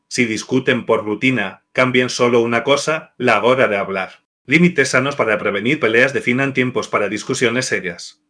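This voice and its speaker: With a mid-range voice, a man narrates a script of devotional advice on marriage, delivering it evenly and deliberately like someone reading through a list.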